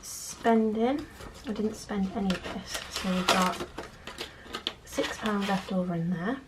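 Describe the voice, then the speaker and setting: A young British woman talking quietly at night in a casual, hushed vlog style, as if others are asleep nearby. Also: medium pitch, measured pace. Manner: quiet, hushed late-night talking so as not to wake sleeping children. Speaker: vlogger, channel host. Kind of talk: casual budgeting vlog, chatting while counting cash. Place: at home at night. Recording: clearly noisy home recording with clicks.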